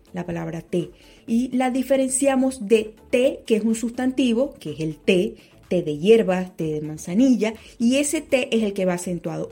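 A woman explaining grammar rules in a spoken lesson, slowing down on key points and correcting herself as she goes. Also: medium pitch, dark tone. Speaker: teacher.

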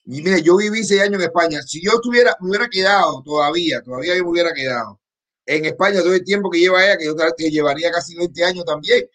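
A man from Cuba co-hosting a casual livestream, talking to the viewers in a lively way. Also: fairly high pitch, quick pace. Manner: lively, addresses viewers as "señores". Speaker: co-host. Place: in Miami.

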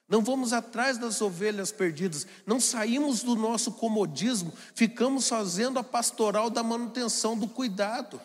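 A man preaching a homily with an animated, storytelling manner. His voice sits high for a man. Long reverb from the church rings behind him. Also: moderate pace, hardly any pauses. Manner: animated, acts out family scenes in put-on voices. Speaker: priest.

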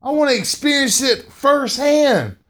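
His pitch is extremely high, expressive and a bit bright, and he talks a little slowly. The middle-aged man hosts a podcast as a motivational speaker, repeating lines for emphasis in a slangy style and often calling the listener "man."

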